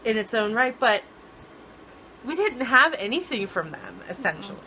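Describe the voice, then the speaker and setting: A woman's voice: on the high side, sing-song, normal speed, pushed and bright, poor audio. A woman co-hosting a casual TV recap chat, talking chattily and mimicking characters playfully. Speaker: podcast co-host.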